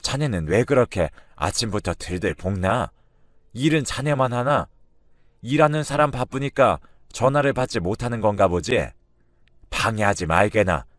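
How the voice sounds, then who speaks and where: A man voicing a sharp-tongued older mother-in-law who speaks in a dismissive, scolding way. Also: on the low side, moderate pace, no echo, natural voice.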